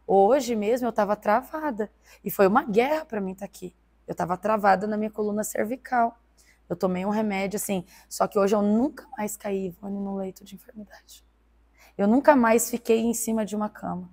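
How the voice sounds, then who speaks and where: A young adult woman guest telling her personal faith testimony in an emotional, animated storytelling manner. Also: mid-range voice, moderate pace.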